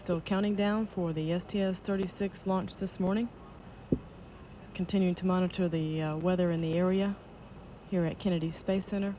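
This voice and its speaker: A woman giving live launch control commentary as an official announcer, in a measured, matter-of-fact way. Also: on the low side, steady tone. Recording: dull lo-fi broadcast audio with noise.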